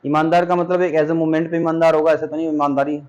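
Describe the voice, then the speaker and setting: A man's voice: on the high side, little pitch movement, fast talker, darkish tone, highs cut off. A man teaching a classroom grammar lesson, patiently asking questions, repeating points and checking that his students follow. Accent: Hindi.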